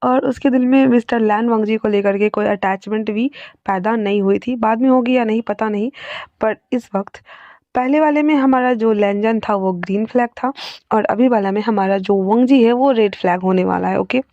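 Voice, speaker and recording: A woman's voice: fairly high pitch, moderate pace, dry recording, lo-fi sound. A woman telling a story in a casual, chatty way, with fillers and asides to the listener.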